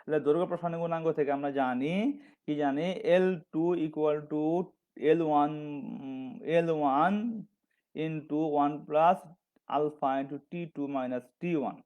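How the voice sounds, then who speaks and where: A man's voice: on the high side, steady tone, a little slow, smooth. A man from Bangladesh teaching a physics lecture, working through formulas step by step and correcting himself as he goes. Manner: methodical, dictating formulas step by step, restarts and self-corrections. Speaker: physics instructor. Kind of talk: recorded classroom lecture. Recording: slightly dull lo-fi audio.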